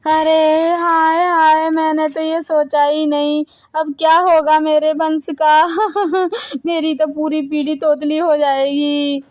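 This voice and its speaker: A woman's voice: sits high, steady tone, a little slow, a little mellow. A woman voicing a proud, fussy older mother-in-law in a cartoon story, boasting and wailing theatrically. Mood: dismayed. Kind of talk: Hindi cartoon dubbing.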